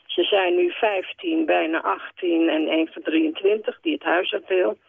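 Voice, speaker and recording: A woman's voice: lowish voice, expressive, measured pace, vocal fry, breathy edge, no echo. Older woman calling in over a phone line. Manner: hesitant, many fillers. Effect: radio show caller on a phone line. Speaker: caller. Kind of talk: call-in radio question.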